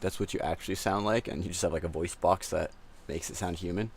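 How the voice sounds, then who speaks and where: A man's voice: sits low, quick pace, a little hiss or hum. A man hosting a live art battle stream over a video call, chatting casually in an upbeat, rambling way.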